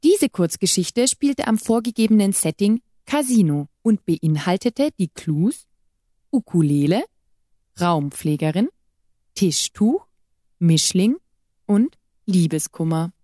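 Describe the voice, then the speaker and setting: A woman's voice: medium pitch, lively intonation, slow, mellow, no room sound. Woman reading a short story dry. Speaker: reader. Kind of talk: scripted narration of a short story.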